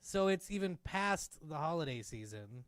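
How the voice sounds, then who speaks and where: A man co-hosting a podcast in casual chat, trading dry, deadpan quips. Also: a little high, normal speed. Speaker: podcast co-host.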